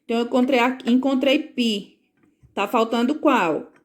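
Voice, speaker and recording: A woman's voice: a little high, normal speed. A woman teacher recording a home lesson for parents, patiently explaining and checking in with frequent questions.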